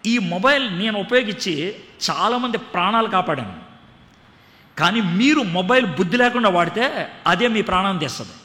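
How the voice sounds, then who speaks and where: Bright, high-voiced male preacher in a hall. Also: normal speed. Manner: lively, acts out dialogue in different voices. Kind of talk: storytelling sermon. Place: large church hall. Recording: echoey hall reverb.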